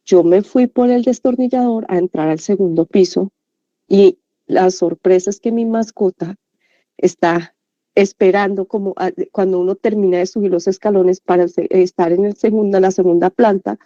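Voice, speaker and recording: A woman giving an earnest, halting testimony to a prayer group, full of fillers and restarts. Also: medium pitch, dark tone, no room sound. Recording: dull lo-fi sound.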